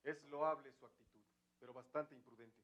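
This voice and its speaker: An actor playing a stern, proper young gentleman in a 1990s Mexican telenovela, reproachful, with a Mexican Spanish accent. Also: mid-range voice, steady tone, close to an everyday voice. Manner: reproachful, brisk.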